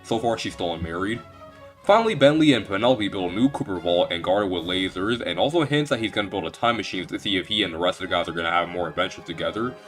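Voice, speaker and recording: A young man speaks quickly in a low voice while he reviews a game series. He rambles, restarts his sentences, and jokes along the way. Faint music plays behind him. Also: animated, a bit bright. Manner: rambling, joking, many restarts. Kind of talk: casual video game retrospective.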